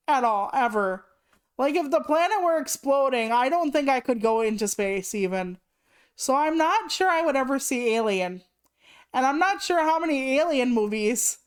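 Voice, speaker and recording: A woman's voice: sits high, clear, resonant tone. Chatty, foul-mouthed woman streamer. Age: 30s. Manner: chatty and swears freely; rambling asides with many "like" fillers. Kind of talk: casual live-stream chat.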